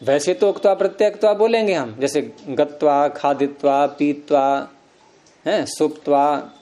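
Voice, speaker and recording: A man's voice: on the high side, unhurried, dark tone. A man teaching Sanskrit grammar, explaining step by step and quizzing his students with questions. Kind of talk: classroom lecture.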